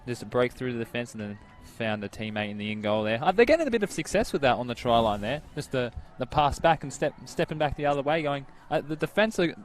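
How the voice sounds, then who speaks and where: A man's voice: mid-range voice, fast talker, few pauses. Nasal-voiced man doing chatty sports commentary. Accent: Australian. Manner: relaxed, chatty, laughs easily. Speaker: color commentator. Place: outdoor sports ground.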